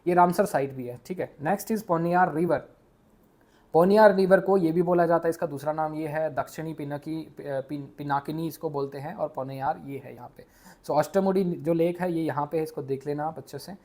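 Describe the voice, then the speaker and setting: A man from India with an Indian accent, teaching a quick exam revision lesson, mixing English into his speech and stumbling over hard names. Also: on the high side, darkish tone. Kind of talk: casual exam revision lecture.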